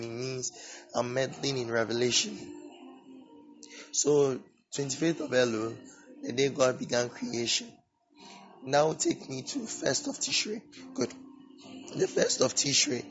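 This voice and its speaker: A man hosting an informal religious teaching podcast with a sore, swollen-throat voice, speaking haltingly and repeating words. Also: mid-range voice. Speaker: podcast host. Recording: dull lo-fi audio, music behind. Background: background music.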